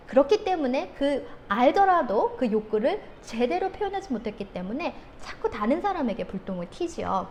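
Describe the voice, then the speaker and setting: A woman's voice: on the high side, slight background noise. A woman counselor giving a lecture on handling anger, telling stories vividly and acting out the scenes. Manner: animated storytelling, acts out quoted scenes.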